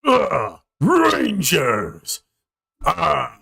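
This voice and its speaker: A man voicing a boastful male monster that yells taunts. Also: fairly high pitch, huge pitch swings, extremely slow, creaky, breathy edge, pitched above the performer's own voice, full character voice. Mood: boastful, angry. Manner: yelling, taunting.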